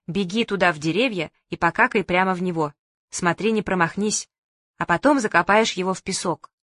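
A woman's voice: fairly low pitch, fairly quick, fairly bright tone, no room sound, studio quality. A woman voicing a stern, fussing old grandmother who bosses a small child around. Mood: instructing. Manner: scolding, bossy.

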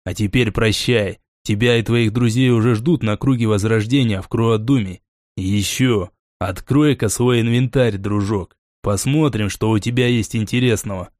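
A man's voice: lowish voice, fairly even intonation, moderate pace, a little mellow, no echo, clean studio sound, close to an everyday voice. A man voicing a cocky, cruel clan leader who taunts his defeated enemy. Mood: mocking.

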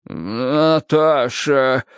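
A man voicing a dazed, poisoned crook in an audiobook, who talks in a slow, slurred, whining drawl. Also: mid-range voice, gravelly, a little mellow, smooth, dry recording, heavily acted. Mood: groggy, irritated. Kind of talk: audiobook character voice. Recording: dull, dry audiobook recording.

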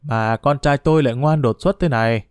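A man's voice: mid-range voice, a little fast, a little mellow, clear, resonant tone, no echo, close to an everyday voice. A man voicing a suspicious mother who speaks with dry sarcasm. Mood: sarcastic. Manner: dryly sarcastic. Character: sharp-eyed suspicious mother.

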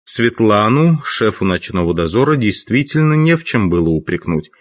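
A man narrating an audiobook in a steady, even reading voice. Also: lowish voice, normal speed. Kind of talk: scripted narration.

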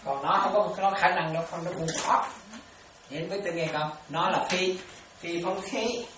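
A woman's voice: fairly low pitch, normal speed, noisy background. A woman giving a Buddhist dharma talk, repeating phrases and often asking whether her listeners follow. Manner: repetitive, keeps checking whether listeners follow. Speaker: Buddhist teacher. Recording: echoey room, distant mic, faint ambience.

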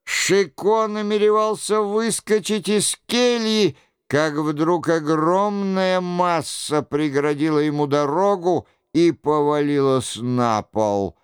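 A man narrating a novel in a measured storytelling manner. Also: a little high, clean tone, no room sound, clean studio sound. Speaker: audiobook narrator. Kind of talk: scripted narration.

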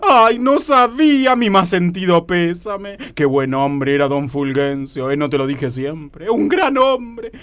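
Man doing a high-pitched old lady, shrill and scandalized, Rioplatense accent, swooping wildly. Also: very animated, brisk, a bit bright. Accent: Rioplatense Spanish. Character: fussy old woman, prudish yet gossipy. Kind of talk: comedy sketch acting.

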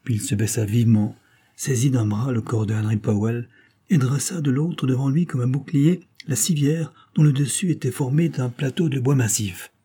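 A man narrating an adventure novel in a steady, even way as an audiobook reader. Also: mid-range voice, normal speed, slightly rough. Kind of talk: scripted narration.

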